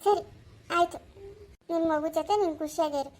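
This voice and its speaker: A serene young male god, voiced by a woman, speaks in a very high, childlike register for a family cartoon. He soothes and reassures, then turns stern and lectures about duty. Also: brisk, darkish tone. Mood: soothing. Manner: soothing yet warning, lecturing. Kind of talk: cartoon voice acting.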